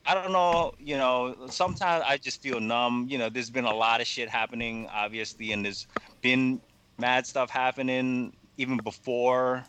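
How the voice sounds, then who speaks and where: Rambling, bright-voiced male podcast guest. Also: medium pitch, fairly even intonation, slight background noise. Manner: rambling, halting, heavy fillers and swearing. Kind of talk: casual podcast conversation.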